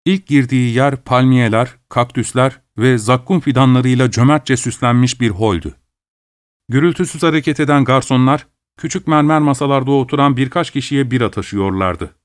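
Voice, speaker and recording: Dry, measured male storyteller. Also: medium pitch, no room sound. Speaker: narrator. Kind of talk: scripted narration.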